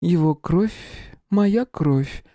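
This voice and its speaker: A man voicing a cool, scheming young princess who speaks in a slow drawl. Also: fairly high pitch, lively intonation, dark tone, no echo, studio quality, voice pushed up.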